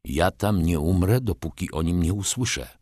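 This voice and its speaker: A man voicing a calm, steadfast father, speaking firmly, in an audiobook reading. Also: low-pitched, normal speed, slightly rough, no room sound, studio quality. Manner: calm, firm.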